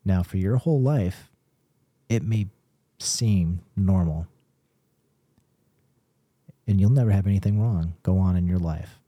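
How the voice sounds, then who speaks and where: A man with a low, very dark voice talks through his ideas in an unhurried, explanatory way. He is co-hosting a casual podcast chat, often restarting his sentences, and the sound is dry and close. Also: no room sound. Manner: measured, explanatory, with filler restarts. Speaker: podcast co-host, paranormal investigator.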